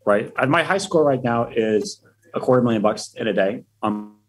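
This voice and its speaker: A man speaking as a podcast guest in a casual interview, energetic and profane, full of hype. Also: mid-range voice, normal speed.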